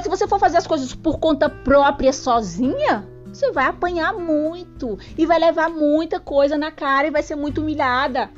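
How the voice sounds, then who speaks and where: A woman hosting a spiritual self-help podcast, talking straight to the listener in an earnest, preachy way. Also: sits high. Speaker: podcast host. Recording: dull lo-fi sound with faint music.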